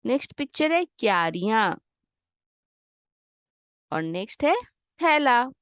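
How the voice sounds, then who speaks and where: A woman's voice: fairly high pitch, big pitch swings, slow, a bit bright, clear, resonant tone, no echo, studio quality. A woman teaching a children's Hindi lesson over a worksheet, patiently asking questions and answering them herself, with English glosses mixed in. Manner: mixes English glosses into her explanations.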